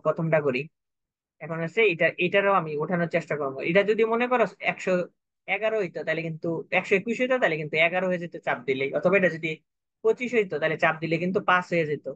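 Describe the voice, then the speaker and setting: A young man teaches a math lesson, breaking each step down patiently and repeating himself to make sure students follow. His voice sits slightly high for a man. The recording is dry and dull, like a lo-fi online class. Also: a bit bright, no room sound. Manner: patient, repetitive, checks for understanding. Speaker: math tutor.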